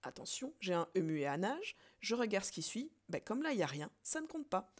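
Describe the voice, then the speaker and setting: Lively woman teacher explaining step by step. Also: mid-range voice. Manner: explains step by step and counts syllables slowly aloud. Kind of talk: recorded French lesson on poetry.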